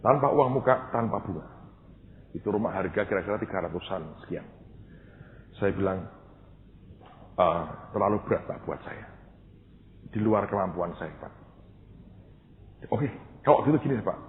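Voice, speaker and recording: A male pastor preaching a storytelling sermon, acting out dialogue and swinging from loud to hushed. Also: fairly low pitch, animated, moderate pace, pauses often, slight background noise. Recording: tinny phone-like sound, long hall reverb.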